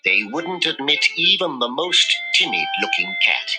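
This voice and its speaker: A man reading a children's story in an expressive, measured storytelling manner. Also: fairly high pitch. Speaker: storybook reader. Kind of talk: scripted children's story narration. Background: music.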